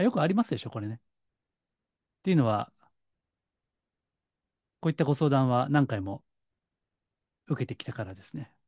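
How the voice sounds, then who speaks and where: A middle-aged man from Kansai with a Kansai accent, a psychic counselor giving a lecturing solo talk and slowing down to stress points. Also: mid-range voice, no room sound, clean studio sound. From Kansai, Japan. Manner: lecturing, animated, slows for stress. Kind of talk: solo monologue to camera.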